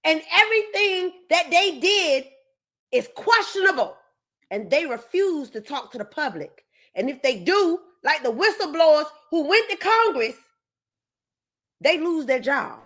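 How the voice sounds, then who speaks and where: A woman's voice: sits high, big pitch swings, measured pace, a bit bright. A woman hosting a commentary video, talking straight to her viewers and driving her points home with repetition. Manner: emphatic, keeps repeating herself for stress. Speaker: commentary host.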